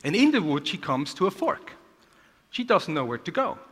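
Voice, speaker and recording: A man giving an energetic conference keynote to a large audience, asking rhetorical questions, heard in a reverberant hall. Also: a little high, moderate pace, slightly rough. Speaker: keynote speaker.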